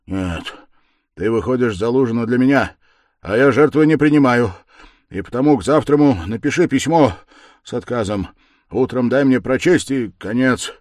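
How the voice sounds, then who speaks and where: A man's voice: on the low side, very animated, normal speed, a little mellow, no room sound, clean studio sound, voice pushed up. A man voicing a feverish, irritable young man who speaks curtly and strained.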